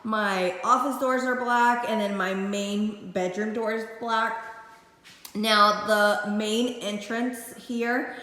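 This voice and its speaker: A woman's voice: mid-range voice, steady tone, slow pace, pushed and bright. Chatty woman in a very echoey empty room. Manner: chatty, rambling, self-correcting. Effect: strong echo of a bare, empty room. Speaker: home vlogger. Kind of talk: casual home vlog chat. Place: freshly painted house with almost nothing set out. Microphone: phone camera she holds and flips around. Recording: very echoey bare room with long reverb.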